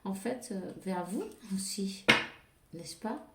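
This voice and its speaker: In an echoey room with heavy noise, a woman gives a casual spiritual tarot card reading. She speaks slowly in a creaky, medium-pitched voice, hesitating often with lots of fillers and restarts.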